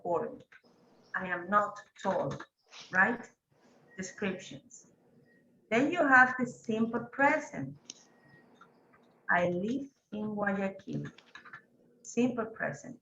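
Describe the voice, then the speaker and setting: Bright-voiced teacher woman. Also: mid-range voice, reverberant, highs cut off, slight background noise. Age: 40s. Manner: patient, repeats and prompts students. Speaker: English teacher. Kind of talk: online English class.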